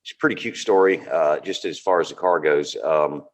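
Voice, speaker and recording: Southern man, deep voice, guest on an online car show, relaxed, rambling storyteller. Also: normal speed. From North Carolina. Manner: relaxed, rambling with many fillers. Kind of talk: casual storytelling on video call. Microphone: video call.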